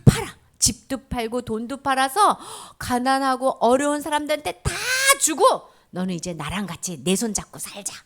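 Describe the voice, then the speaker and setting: A woman voicing a gentle, patient Jesus in a children's Bible story, speaking softly and at times in a whisper. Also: high-pitched, lively intonation, moderate pace, few pauses. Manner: gentle, soft, often whispered.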